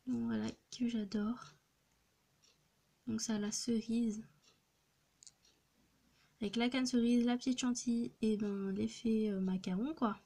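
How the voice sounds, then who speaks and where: Hesitant young girl showing her crafts. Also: fairly high pitch. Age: young teen. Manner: hesitant, many fillers and restarts. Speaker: craft vlogger. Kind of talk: casual show-and-tell narration. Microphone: phone.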